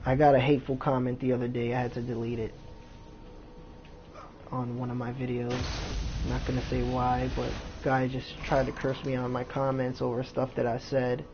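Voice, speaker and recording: Dude rambling on a game stream, overbite makes words a bit mushy, muffled noisy audio. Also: male voice, mid-range voice, completely flat delivery, normal speed. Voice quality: slightly slurred articulation from an overbite. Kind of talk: casual gameplay commentary, rambling chat.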